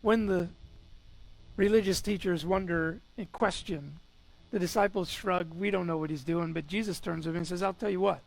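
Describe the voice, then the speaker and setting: A man in the pulpit delivering a sermon, his voice pitched high for a man and carrying a gravelly edge. He tells the story with animation, slipping into the voices of the people he quotes. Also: moderate pace. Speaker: pastor. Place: church.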